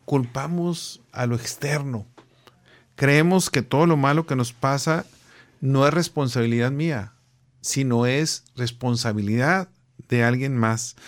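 A middle-aged man, a guest speaking on personal growth, who tells anecdotes and acts out the people in them. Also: medium pitch. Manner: animated storyteller, acting out the people in his anecdotes. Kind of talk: conversational storytelling.

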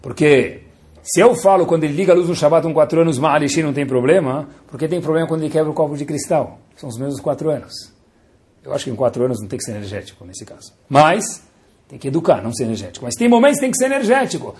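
A man teaches a religious lesson through stories. His voice sits somewhat high for a man, and he jumps between hushed asides and emphatic rhetorical questions. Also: quick pace. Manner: animated storyteller with rhetorical questions. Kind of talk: Torah lesson storytelling.

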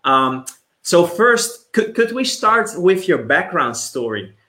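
An eager male host with a fairly high, bright and edgy voice, often restarting his sentences in his excitement. He is heard in a roomy, echoing space. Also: slow. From immigrant background. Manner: enthusiastic, stumbling restarts. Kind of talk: hosting a live online interview show.

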